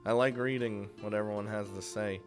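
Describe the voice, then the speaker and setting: This YouTuber runs through a top five gaming list in a lowish, fairly even voice that moves fairly quickly. He keeps it loose, laughing and swearing often, over soft background music.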